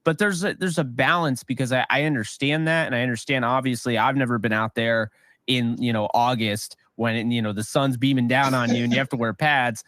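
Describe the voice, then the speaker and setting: A man co-hosting a sports podcast, giving rambling, animated opinions with lots of fillers. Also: medium pitch, brisk, no echo, studio quality. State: voice getting worn. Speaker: podcast co-host. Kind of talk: casual sports talk.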